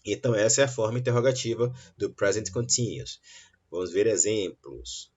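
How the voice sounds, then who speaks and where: A man teaching an English lesson, saying model sentences slowly and clearly between quicker explanations. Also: fairly low pitch, animated, darkish tone. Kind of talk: online English lesson for Portuguese speakers. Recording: dull, lo-fi sound.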